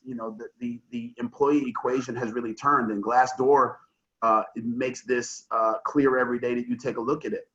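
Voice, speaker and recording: A man's voice: mid-range voice, a bit bright. A man speaking as a webinar panelist, earnest and reflective, with many fillers and restarts. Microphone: video call. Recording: dull lo-fi video call audio.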